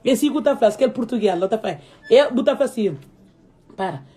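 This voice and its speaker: A woman's voice: fairly high pitch, lively intonation, fast, dark tone, voice pushed down, lightly acted. A woman with a Cape Verdean accent parodying another woman who complains in broken, repetitive, mock-formal Portuguese. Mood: mock complaint.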